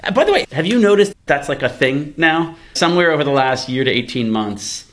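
A man co-hosting a podcast, a venture capitalist, explains tech ideas in a casual, conversational, analytical way, thinking aloud with examples. His voice is a little high and fairly bright, animated and fairly quick.

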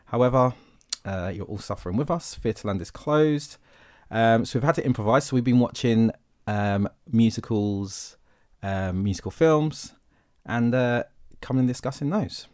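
A man's voice: medium pitch, normal speed, a little mellow. A man hosting a podcast in casual chat, rambling and stumbling over his words. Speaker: podcast host.

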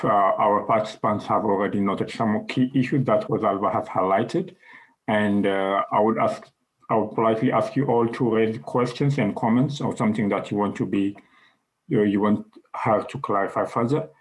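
Slow, polite male panel moderator. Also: on the low side, low-quality recording. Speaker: webinar moderator.

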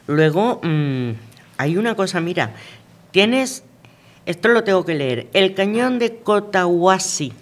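Speaking slowly with lively intonation, a man from Venezuela with a high, somewhat bright voice co-hosts a laid-back radio conversation in a local studio. He tends to ramble, repeating words while he hunts for the right ones.

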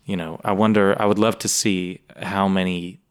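Man, very deep voice, smooth and resonant, easygoing podcast chat. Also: little pitch movement, normal speed. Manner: easygoing, chatty, agreeable. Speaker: podcast co-host, music store employee. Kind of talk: casual podcast conversation.

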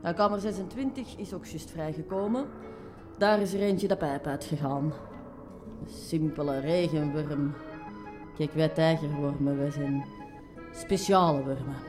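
A woman plays an easygoing worm hotelkeeper in a children's drama. She has a lowish voice and a Flemish accent, explaining things in a folksy, chatty way over clear background music. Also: a little slow. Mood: matter-of-fact, chatty. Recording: music under the voice.

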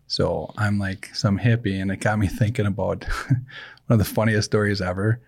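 A man's voice: fairly low pitch, fairly even intonation, normal speed, gravelly. A middle-aged man hosting a podcast, telling stories in a casual chat and laughing often. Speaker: podcast host.

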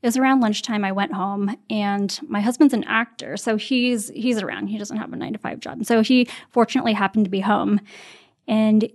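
A woman in her thirties recounts a personal story in a mid-pitched voice. She slips into animated impressions of the people she quotes, with ums and restarts in between. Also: fairly quick. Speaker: guest.

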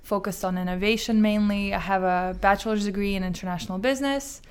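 A woman's voice: medium pitch, fairly even intonation, fast talker, clear, resonant tone. A woman from Azerbaijan, speaking as a guest in a conversational interview. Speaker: interview guest, startup founder.

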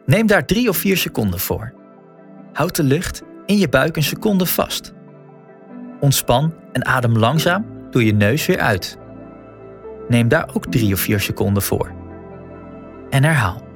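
A man's voice: medium pitch, big pitch swings, a little slow, gravelly, faint music behind. A man narrating a scripted guided wellness walk as a coach, speaking informally and encouragingly straight to the listener.

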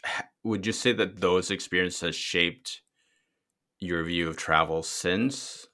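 Very deep, slow, bright-toned male host. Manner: halting, searching questions with fillers and restarts, soft laughter. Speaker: podcast host, interviewer. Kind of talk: interview questions.

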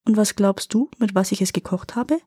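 A calm, shrewd little heather dwarf from a storybook fairy tale, read by a woman. He speaks matter-of-factly and unhurried. The tone is warm and slightly husky, close and dry. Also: medium pitch, dry recording, natural voice.

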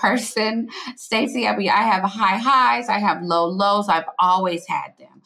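Woman author guest, mid-pitched, earnest and expressive, quick to laugh mid-sentence. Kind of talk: conversational interview.

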